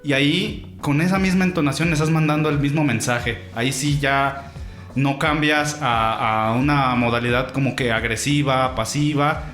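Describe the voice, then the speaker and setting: A man's voice: medium pitch, steady tone, moderate pace, a bit bright, soft background music. Thoughtful man in a roomy echo. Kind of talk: casual podcast discussion.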